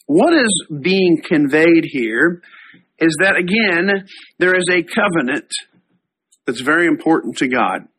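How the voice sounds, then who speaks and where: A middle-aged man, a pastor, preaching a sermon, reading scripture slowly and then explaining it in a conversational way. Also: a little high, animated, fairly bright tone, slightly rough, poor audio.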